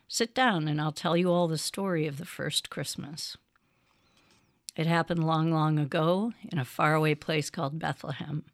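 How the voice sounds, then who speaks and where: A woman reading the part of a kindly old Santa Claus, telling a story to forest animals with warm patience. The voice sits low and the room is dry. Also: dry recording.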